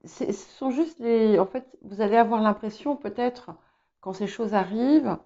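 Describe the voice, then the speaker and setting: A woman giving a spoken tarot reading, hesitant and filling pauses as she talks. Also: on the high side, dark tone, highs cut off. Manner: hesitant, many fillers and restarts. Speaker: tarot reader. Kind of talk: casual spoken tarot guidance.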